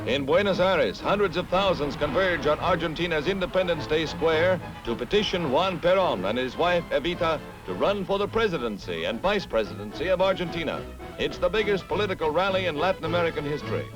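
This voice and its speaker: This is a man's voice on an old 1950s newsreel, delivering the news in a brisk, punchy announcer style. His voice sits fairly high. A bold music score plays underneath him the whole time. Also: animated, dull audio. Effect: old 1950s newsreel sound. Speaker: newsreel narrator. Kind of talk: scripted newsreel narration.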